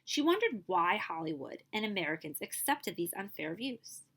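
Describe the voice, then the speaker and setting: Reading a picture book to a group, this librarian keeps a steady storyteller's cadence and a moderate pace in her mid-range voice. Every so often she stops to toss a short aside to the listeners.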